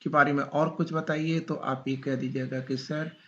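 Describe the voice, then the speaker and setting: A man teaches a class, speaking slowly and repeating each point so students can write it down. His voice sits a little on the high side. The recording is dull and lo-fi. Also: level tone, pushed and bright, a little hiss or hum. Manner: slow, repetitive dictation with questions to students. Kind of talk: classroom lecture.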